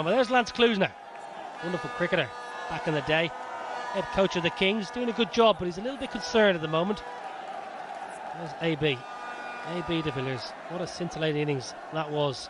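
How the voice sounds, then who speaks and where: A man's voice: high voice, fast talker. A man giving live cricket commentary as a match commentator. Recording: stadium crowd noise behind. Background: noisy cricket stadium crowd.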